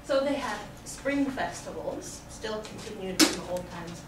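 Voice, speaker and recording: Her mid-range voice is animated yet a little slow as she leads a casual class, throwing questions at students and repeating their replies. The recording comes from a video camera far off in the echoey room, with classroom sounds clearly audible.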